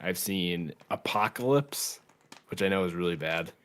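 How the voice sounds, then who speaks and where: A man co-hosting a casual film review podcast, easygoing and quick to agree, often laughing along. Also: sits low, fairly bright tone. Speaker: podcast co-host.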